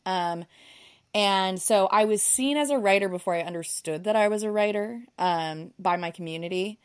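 A woman's voice: medium pitch, moderate pace, clean tone. A woman in her thirties talking candidly as a podcast guest, with lots of fillers and self-deprecating asides. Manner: candid and self-deprecating, many ums and likes. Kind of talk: casual conversation.

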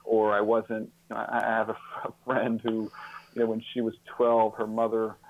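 Over a muffled, phone-like narrow-band connection, a social scientist and author appears as a guest expert. He is reflective and earnest, often repeating words while he thinks, and his lowish voice stays monotone at a normal speed in a dry recording.

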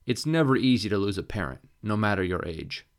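A courteous middle-aged lawyer speaks in formal, reassuring phrases, as a man reads him in an audiobook. His voice sits fairly low and carries polished calm. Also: brisk.

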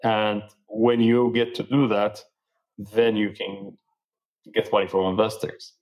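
A man's voice: on the low side, slow, lo-fi sound. A young man from Dubai, a startup founder, casually telling his story in an interview, loose and full of fillers. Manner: relaxed, with many fillers like "like" and "you know".

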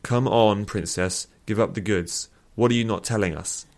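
A man's voice: lowish voice, animated, a little fast. A man voicing an exasperated, snappish hired guard who scolds a princess.

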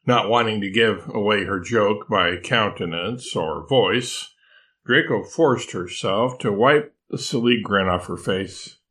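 An older man reading a children's storybook chapter aloud as its narrator, unhurried and expressive. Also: lowish voice. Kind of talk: scripted narration.

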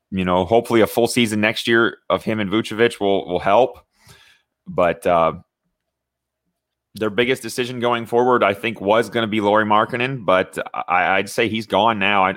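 Young Indiana man, deep low voice, casual sports-podcast co-host, rambling fillers, dry close mic. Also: a bit bright, dry recording. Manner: conversational, many fillers and restarts.

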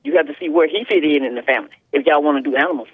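A woman's voice: deep voice, very fast, slightly rough, no echo. A female caller rattles along at great speed over a muffled, phone-thin line. She is opinionated and bantering, and keeps going straight through interruptions. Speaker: caller to a talk show.

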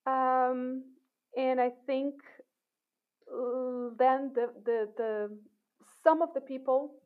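A woman's voice: sits high, steady tone, slow, clear, resonant tone. A woman researcher being interviewed, talking thoughtfully with frequent restarts. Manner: thoughtful, with many restarts and fillers. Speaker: guest, cognitive science researcher. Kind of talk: casual interview talk. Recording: tinny phone-like call audio.

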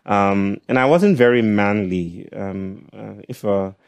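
A man from Nigeria with a nasal voice, speaking as a podcast guest in a thoughtful, halting way. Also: fairly low pitch, vocal fry, dry recording. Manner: thoughtful, halting, with soft laughs. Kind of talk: reflective conversational storytelling.

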